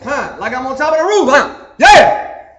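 A man's voice: extremely high pitch, very animated, normal speed, a bit bright, dull audio. A man rambling on and on to himself and the people around him while playing piano indoors, repeating himself and asking "huh?". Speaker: church pianist. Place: indoors by a piano at a community building.

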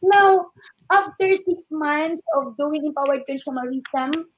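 A middle-aged woman with a high voice tells her own story as a testimony. She speaks politely and with energy, and voices the people she quotes to bring her account to life. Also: slow. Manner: animated retelling that acts out quoted dialogue; polite, uses respectful particles. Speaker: network marketing member giving a testimony. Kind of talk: personal storytelling.

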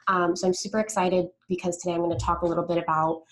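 A woman's voice: lowish voice, flat delivery, fast talker. A woman hosting an online community meetup, presenting informally and upbeat over a video call. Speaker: developer marketing presenter, call host. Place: indoors, remote video call.

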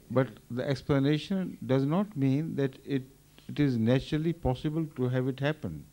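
An older man, a religious leader, giving a measured, thoughtful explanation at a microphone during a question session. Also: mid-range voice, warm tone. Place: large indoor hall. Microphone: standing microphone.

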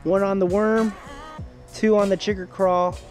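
Soft music plays behind a young man fishing off river rocks for a casual outdoor vlog shot on a head-mounted action camera. He talks about his gear and whoops when he lands a fish, in a high, flat, darkish voice that's a bit slow.

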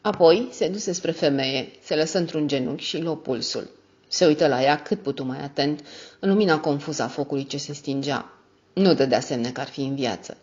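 Narratoare cu voce joasă. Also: female voice, low-pitched, a little mellow, highs cut off. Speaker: audiobook narrator. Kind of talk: scripted audiobook narration.

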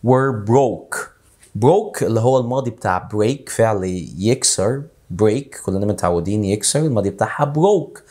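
A man with an Egyptian Arabic accent teaching English casually, slowing down to repeat English phrases word by word. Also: fairly low pitch, expressive, a little mellow. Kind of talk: casual video lesson.

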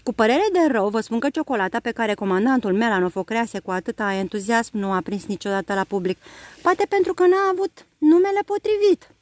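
A woman narrating a children's book aloud in a lively, expressive storytelling manner. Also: fairly high pitch, no room sound.

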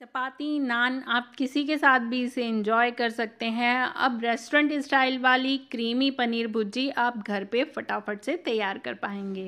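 A woman hosting a cooking channel, giving a clear step-by-step recipe voice-over. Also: fairly high pitch, steady tone, unhurried, hardly any pauses, pushed and bright.

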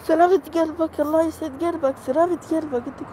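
A woman's voice: extremely high pitch, fairly even intonation, very fast, background noise. A woman, crying and pleading as she vents on a phone livestream, repeating herself. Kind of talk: emotional livestream venting.

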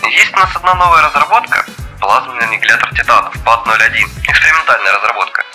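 Man playing a rapid-fire, sharp secret agent. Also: mid-range voice, lively intonation. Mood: brisk. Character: busy young male secret agent on phone. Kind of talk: scripted phone dialogue. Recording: music behind the voice.

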